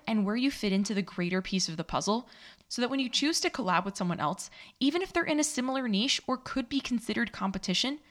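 A woman's voice: mid-range voice, a bit bright. A woman hosting a podcast, reading a prepared intro and then chatting casually with a guest, laughing often. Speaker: podcast host.

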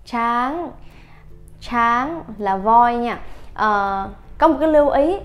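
A woman teaching a vocabulary lesson, a little hoarse from a coming cold, repeating each word several times. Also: fairly high pitch. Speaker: Thai language teacher. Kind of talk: slow, patient vocabulary lesson.

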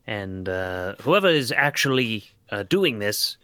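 A man chatting through a tabletop role-playing session, his tone bright and sharp, lower than most men. He hesitates often and fills gaps with ums and uhs. The recording is dry and close. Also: very animated, a little slow, dry recording. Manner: hesitant, many fillers. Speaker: player. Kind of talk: tabletop role-play chat.

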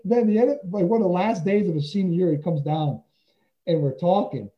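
A man's voice: sits high, expressive, a little fast. A man who works as a teacher, telling stories in a casual interview, rambling with lots of "you know" and restarts. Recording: dull lo-fi recording.

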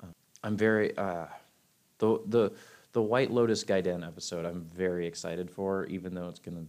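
A man with a fairly low voice chats casually as a podcast co-host. He rambles, restarts his sentences, and laughs easily. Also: level tone, moderate pace, a little mellow.

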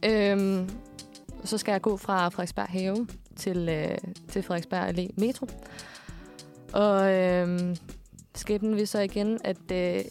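A young woman in her twenties, co-hosting a podcast and telling a story in a casual, animated way with lots of fillers and laughs. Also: medium pitch, soft background music. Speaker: podcast co-host.

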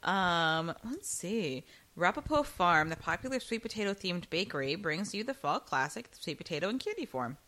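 Young woman, casual snack-review chat, lowish voice, lively swoops in pitch. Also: normal speed. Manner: chatty, laughs often, reads from a booklet.

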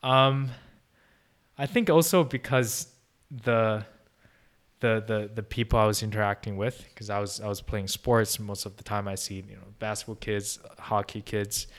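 Speaking at a moderate pace in a steady, lowish voice, a young man from China talks casually as a guest on a podcast. Chinese is his first language. He sounds reflective, with frequent restarts and plenty of fillers.

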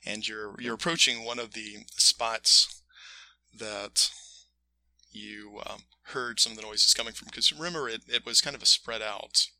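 Guy game mastering, sorta low but real sharp voice, stops n starts as he describes stuff. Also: steady tone, low-quality recording. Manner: halting, pausing mid-phrase to search for words. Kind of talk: casual improvised tabletop game narration.

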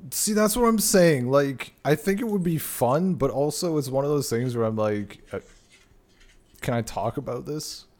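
A man's voice: mid-range voice, lively intonation, moderate pace, darkish tone. A man with an Upper Midwest accent hosting a casual podcast chat, rambling with lots of fillers. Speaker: podcast host.

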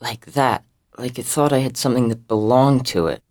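A woman reading a storybook, voicing a nervous, hushed young neighbor boy. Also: extremely low pitch, normal speed, pitched below the performer's own voice.

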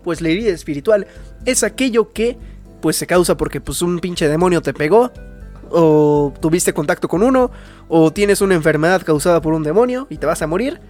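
A young Mexican man talks in a high, slangy ramble as he recaps a story in casual chat. He cuts in with loose asides, and faint music plays under his voice. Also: expressive, moderate pace, a little mellow. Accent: Mexican Spanish. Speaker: podcast co-host recapping anime.

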